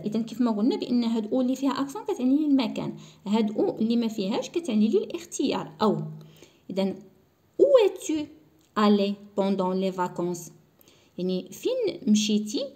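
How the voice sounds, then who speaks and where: A woman with a Moroccan accent explains a French spelling lesson for schoolchildren and says French words slowly and clearly. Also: mid-range voice, warm tone. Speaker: primary school French teacher.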